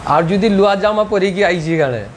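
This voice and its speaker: A man's voice: high voice, brisk, slight background noise, poor audio. Man teacher quizzing a class. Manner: quizzing students, joking and laughing. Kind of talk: classroom lecture.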